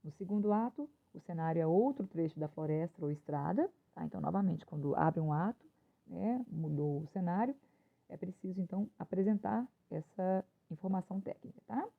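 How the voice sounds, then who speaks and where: Woman teacher, low voice, explaining a script, tag questions, phone-like sound. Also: animated, fairly quick, creaky. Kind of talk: reading a play aloud for a class. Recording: tinny phone-like audio.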